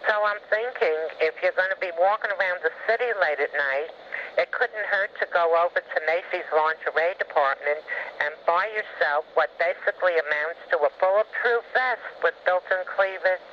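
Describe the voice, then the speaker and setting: A woman's voice: fairly low pitch, moderate pace. An older woman leaving fussy, worried voicemail messages for her daughter, played back from an answering machine. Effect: answering machine voicemail playback. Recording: dull lo-fi answering machine tape, faint hiss.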